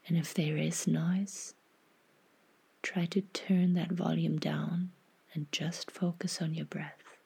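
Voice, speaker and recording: Female meditation guide: soft spa-like half-whisper, low pitch, very slow, soothing delivery. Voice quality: soft, husky, breathy, often slipping into whisper. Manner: calm, unhurried, soothing instruction. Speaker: podcast host and meditation guide.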